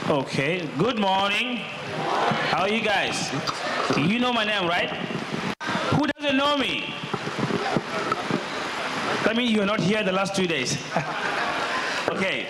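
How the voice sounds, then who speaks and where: A man from South Sudan with a high voice introduces himself on a panel and teases the crowd playfully. The room echoes and steady noise hums behind him. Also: takes it slowly, long pauses. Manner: playful, teasing the audience. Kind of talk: self-introduction at a conference panel.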